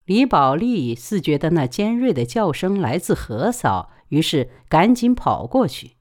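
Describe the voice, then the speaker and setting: A woman narrating an audiobook episode in an expressive, dramatic reading style. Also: fairly low pitch, measured pace. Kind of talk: audiobook storytelling.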